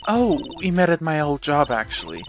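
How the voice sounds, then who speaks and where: A man voicing an earnest young woman engaged to be married, soft-spoken and pleading, while reading game dialogue. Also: a little high, wildly swooping pitch, moderate pace, music in the background.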